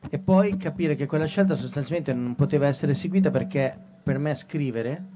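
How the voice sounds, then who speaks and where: A man's voice: on the high side, moderate pace. A man, a singer-songwriter being interviewed, speaking reflectively and searching for words. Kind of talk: interview conversation.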